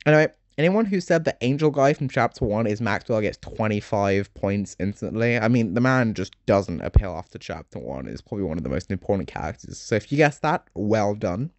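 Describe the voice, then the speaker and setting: Lively, low-voiced teen video essayist. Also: male voice, normal speed, few pauses, dry recording. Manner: chatty, joking asides, dark humor. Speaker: YouTuber summarizing a game.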